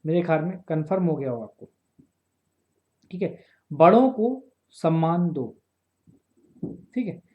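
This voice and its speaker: A man teaching a grammar lesson for exam prep, slowly repeating phrases and often checking that listeners follow. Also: fairly high pitch, animated, dull audio.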